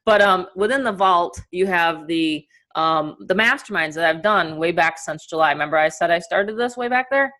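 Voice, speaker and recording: Energetic New York woman, lower-pitched voice. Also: moderate pace, few pauses. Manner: energetic, chatty, encouraging. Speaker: online marketing coach and host. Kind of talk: casual webinar training and motivational talk.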